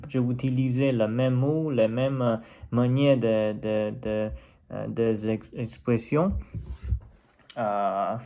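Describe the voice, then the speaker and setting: With a mid-range, darkish voice touched by vocal fry, a Chinese man speaks freely in a personal vlog. He's a Mandarin native and a language learner, and his accented speech halts as he gropes for vocabulary.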